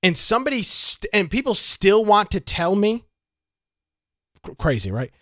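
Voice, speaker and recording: A man's voice: sits high, very animated, measured pace, sharp tone, dry recording, studio quality. A man hosting a political talk show, delivering opinionated commentary with many rhetorical questions.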